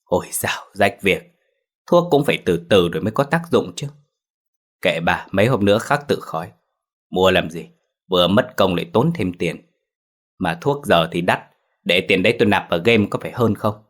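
A man's voice: low voice, expressive, normal speed. Man doing a rude, dismissive lazy husband. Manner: dismissive, irritated.

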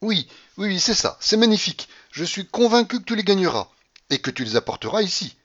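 A man's voice: high voice, sing-song, a little fast, a bit bright, slightly rough, highs cut off, pitched above the performer's own voice, exaggerated voice. Blanche, a coaxing coquette, read by a man. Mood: cajoling. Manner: coaxing, teasing, exclaiming.

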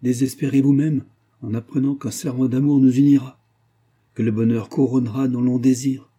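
A man's voice: mid-range voice, little pitch movement, moderate pace, mellow, husky, voice pushed up, lightly acted. A man reading a vengeful colonel. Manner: accusing, declamatory. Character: vengeful male colonel, bitter and triumphant.

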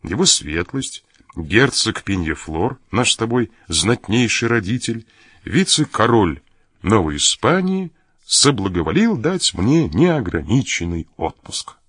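A man reading the part of a young nobleman who talks to his sister in a gentle, reassuring way. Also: fairly low pitch, big pitch swings, a little slow, slightly rough, dry recording, studio quality, exaggerated voice. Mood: cheerful. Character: young nobleman, caring and lightly joking brother.

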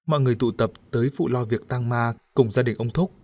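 A man narrating an audiobook story in a steady, even storytelling manner. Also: medium pitch, fast.

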